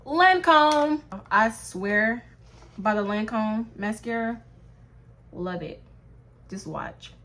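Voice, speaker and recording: A woman's voice: mid-range voice, steady tone, fairly bright tone. A young woman beauty vlogger chatting casually through a makeup tutorial, talking straight to her viewers. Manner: chatty, addresses viewers as y'all, drawn-out pace.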